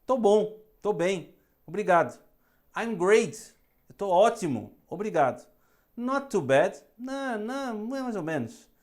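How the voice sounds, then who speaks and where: A woman with a Brazilian accent teaching English phrases in a lesson, saying each one slowly so students can repeat it. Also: medium pitch, very animated, darkish tone.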